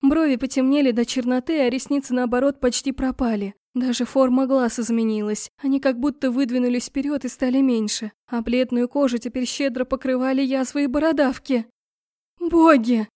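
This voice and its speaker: A woman reading a first-person storybook narration aloud, expressive as the princess heroine, recorded close on a studio mic. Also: high-pitched, brisk, few pauses, no echo. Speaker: audiobook narrator.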